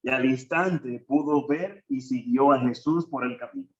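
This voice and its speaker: A man reads scripture aloud slowly and haltingly, with small slips. He sounds far from the mic in a roomy space, and the recording is dull. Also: medium pitch. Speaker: scripture reader.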